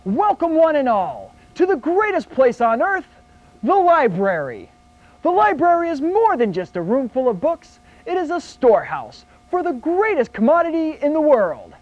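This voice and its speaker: An actor playing a flamboyant carnival barker who presents information in showy announcer patter. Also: male voice, very high voice, wildly swooping pitch, normal speed, lo-fi sound, full character voice. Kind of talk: scripted educational film.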